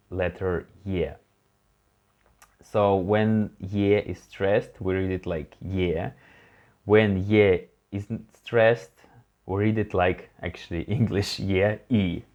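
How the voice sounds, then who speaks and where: A male tutor leads a beginner lesson in a very low, unhurried voice. He patiently prompts the learner to repeat each word and encourages them, and the audio sounds a little dull and lo-fi. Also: expressive, darkish tone. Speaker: language teacher. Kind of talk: online language lesson.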